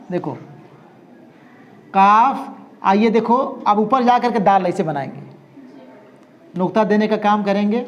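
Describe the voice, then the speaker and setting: This Urdu teacher has a high-pitched voice, and the recording's highs are cut off. He goes through his language class repeating each word and regularly making sure the students understand.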